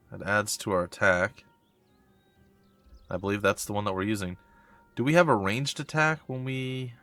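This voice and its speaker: This man's fairly low, sharp-toned voice is thick with congestion from a cold. He's a let's-play host reading tutorial text aloud, thinking through it as he plays and reacting with mild puzzlement, all captured in a dry recording.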